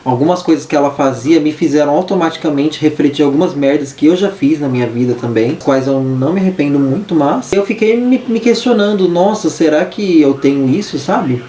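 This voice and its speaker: A man's voice: fairly high pitch, fairly quick, few pauses, dark tone. A Brazilian man chatting casually through a book review, with a lisp and hissy s sounds from wearing braces. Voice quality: lisping, hissy sibilants from wearing dental braces. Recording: roomy echo, distant mic, faint noise.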